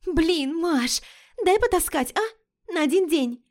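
A woman's voice: very high-pitched, lively intonation, pitched above the performer's own voice, full character voice. A woman voicing a brash, flighty young woman friend who talks in slang and takes offense easily. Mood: chatty, cheeky. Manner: chatty and slangy, quick to take offense.

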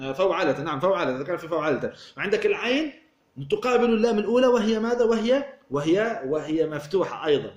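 A man teaching a grammar lesson, who asks questions and answers them himself and repeats key words as he explains. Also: on the high side. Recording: roomy echo.

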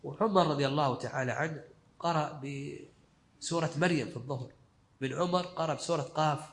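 A man's voice: a little high, quick pace. A male sheikh giving a scholarly lesson commentary, explaining in short, repeated phrases. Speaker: sheikh teaching a fiqh text.

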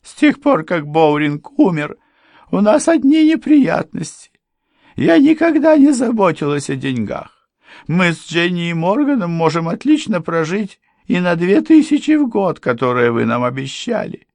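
A man reading an audiobook and voicing a frightened middle-aged woman housekeeper with a high, shrill, tearful voice. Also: sing-song, unhurried, darkish tone, no echo, full character voice. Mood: tearful pleading.

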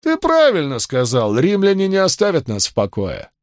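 A man's voice: on the high side, huge pitch swings, normal speed, dry recording, studio quality, voice pushed up. A man reading an audiobook, voicing an easygoing male gladiator captain who speaks in a casual, offhand way.

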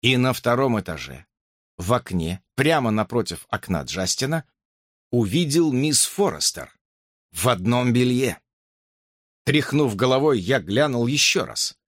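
Man narrating an audiobook, lively delivery. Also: medium pitch, a little slow, dry recording, clean studio sound. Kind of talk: first-person audiobook narration.

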